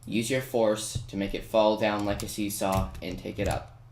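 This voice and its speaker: Keyboard typing and mouse-style clicks sound behind a roomy, faintly noisy recording as a man casually talks through a video game tutorial. His voice is on the low side and darkish, level in tone, at a moderate pace, and he keeps hedging and correcting himself.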